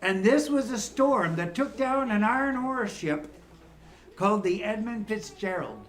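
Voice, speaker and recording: This Ontario musician in his fifties trades playful banter with a crowd of seniors between numbers. He speaks with a high, lively voice that is fairly bright, and he never rushes.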